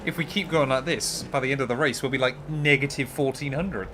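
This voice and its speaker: A man's voice: mid-range voice, steady tone, brisk, music in the background. A man with a thick West Country English accent, chatting casually while sim racing on a livestream. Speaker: streamer and endurance sim racer. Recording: clear car engine noise behind. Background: car engine noise from racing game.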